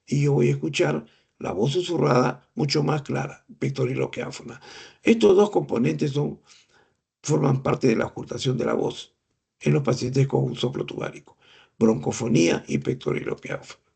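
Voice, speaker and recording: Gravelly-voiced man giving a medical lecture. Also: mid-range voice, moderate pace, darkish tone. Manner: explains patiently, asks rhetorical questions, imitates breath sounds. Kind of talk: clinical lecture with demonstrations.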